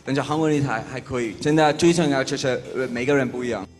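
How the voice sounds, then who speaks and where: A young male contestant talks into a handheld mic on a studio stage. He is a non-native speaker with a foreign accent in Mandarin, searching for words in a medium-pitched voice over music. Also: fast talker, long reverb tail. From Switzerland. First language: not Chinese. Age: young adult. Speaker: dating show contestant.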